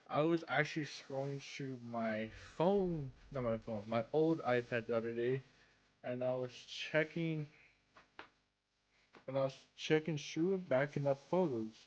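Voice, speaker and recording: A man with a slushy lisp and slightly slurred words, talking casually and haltingly as he introduces himself in a vlog, often repeating phrases. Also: mid-range voice, lo-fi sound. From Canada. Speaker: content creator and streamer.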